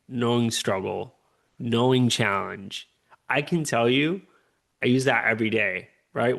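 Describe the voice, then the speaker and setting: A man's voice: mid-range voice, creaky, a bit bright. A man, an earnest, upbeat interview guest who often checks in with "right?". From Puerto Rico. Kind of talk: conversational interview.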